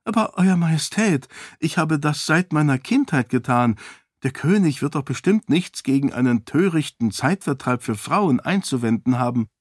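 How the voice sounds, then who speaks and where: A man's voice: on the high side, lively intonation, normal speed, no room sound, clean studio sound, pitched above the performer's own voice. A man voicing a clever young noblewoman who talks in a coy, falsely innocent way. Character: sharp-witted young noblewoman, sly.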